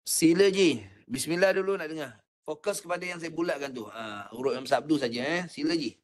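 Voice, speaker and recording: Malaysian male ustaz, online class, patient coach who models sounds slowly. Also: on the high side. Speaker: Quran recitation teacher.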